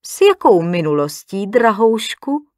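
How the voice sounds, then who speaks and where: A woman's voice: lowish voice, very animated, no room sound, studio quality. A woman reading a mischievous, needling society lady. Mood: teasing. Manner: teasing, needling.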